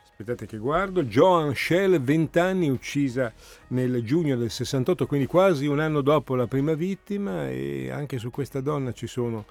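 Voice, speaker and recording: A man's voice: medium pitch, expressive, moderate pace, vocal fry, a little mellow, soft background music. A man guest on a radio talk show, explaining cases in a thoughtful way with many hesitant fillers. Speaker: criminologist guest.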